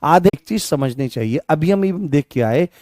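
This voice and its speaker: Hindi teacher with a dry close voice. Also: male voice, on the high side, expressive, moderate pace, darkish tone, no room sound. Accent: Rajasthani Hindi. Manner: repetitive, asks questions and answers them himself, sometimes sings lines. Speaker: exam prep teacher. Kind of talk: live online grammar lesson.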